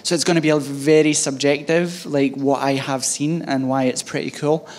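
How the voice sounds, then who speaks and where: Scottish man with a thick accent, even pitch. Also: moderate pace. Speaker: conference speaker, head of DevOps at a bank. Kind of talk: informal tech talk to an audience.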